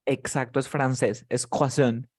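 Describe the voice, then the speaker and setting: A man's voice: mid-range voice, lively intonation, measured pace, darkish tone, no echo, studio quality. A man teaching English to beginners in a live class, patiently drilling words and calling on students by name.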